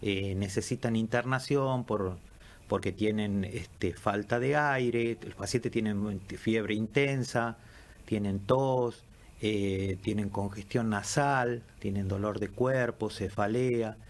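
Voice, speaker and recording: Doctor guest, measured explaining voice, lots of fillers. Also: male voice, on the low side. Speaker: pulmonologist guest. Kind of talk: radio interview answers.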